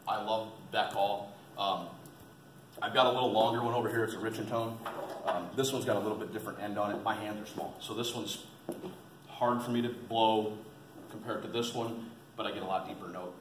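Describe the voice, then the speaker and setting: A man presenting an informal how-to seminar to a group, plain-spoken and folksy, repeating his points for emphasis. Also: fairly low pitch. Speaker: seminar presenter, experienced waterfowl hunter. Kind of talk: informal instructional talk to a group. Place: indoor seminar at a museum. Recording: roomy, distant mic with faint noise.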